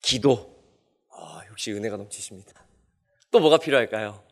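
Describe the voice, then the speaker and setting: Animated male preacher with a lively voice. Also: lowish voice, normal speed, creaky. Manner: animated, jokes with the congregation. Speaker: pastor. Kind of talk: sermon.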